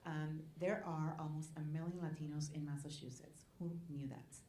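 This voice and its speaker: A low-voiced Spanish woman from Puerto Rico, president of a nonprofit, speaks earnestly on a panel at a community forum, often asking the room "right?". Her tone is dark, her pace moderate, and her intonation fairly even, captured in an echoey event hall with faint background noise.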